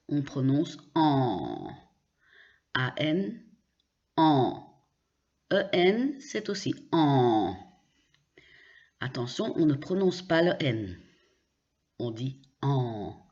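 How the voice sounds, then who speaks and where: A woman gives a pronunciation lesson at a very slow, deliberate pace, naming letters and repeating example words one by one. Her pitch moves in a lively, wide way. The recording sounds a little dull and lo-fi. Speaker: French teacher.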